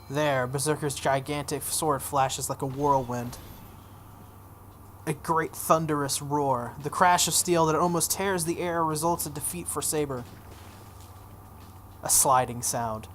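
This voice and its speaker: Pausing often and moving at a slow pace, a woman whose voice sits low reads a visual novel aloud with expression during a video game playthrough she hosts. Her casual asides are offhand, and the recording carries some background noise.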